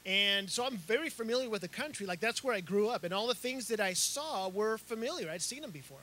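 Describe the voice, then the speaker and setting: A middle-aged pastor who grew up in Chile preaches outdoors under a tent, holding a handheld mic. His voice sits very high for a man and rings bright and forward. He gestures as he talks, doubling back on words and restarting phrases, with a faint hiss behind him. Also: animated, fairly quick. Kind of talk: sermon. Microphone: handheld microphone.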